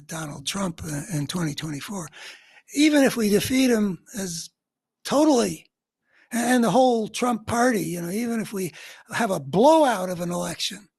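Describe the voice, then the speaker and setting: A man's voice: high-pitched, lively intonation, normal speed, darkish tone, breathy edge. A man hosting a radio show, giving an earnest political commentary monologue and thinking aloud in long, winding sentences.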